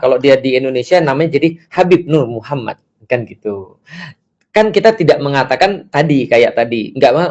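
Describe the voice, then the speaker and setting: A man giving a casual religious lecture as a preacher, lively and acting out the voices he quotes. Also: on the high side, highs cut off. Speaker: Islamic preacher.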